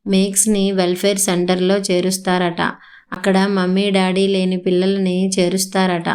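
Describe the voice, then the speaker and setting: A woman's voice: mid-range voice, monotone, normal speed, a little mellow, close to an everyday voice. A woman voicing a young boy in a storybook reading, speaking in a pleading, childlike way. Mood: upset. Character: young boy grandson, upset and tearful.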